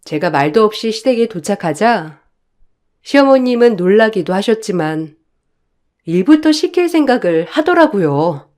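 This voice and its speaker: A woman's voice: mid-range voice, big pitch swings, normal speed, a little mellow. A woman in her thirties narrating a first-person story in a resentful, determined tone.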